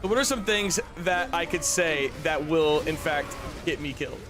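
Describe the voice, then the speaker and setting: A man's voice: fairly high pitch, normal speed, over music. A man streaming a video game with casual, joking, sweary chat. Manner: profane, joking.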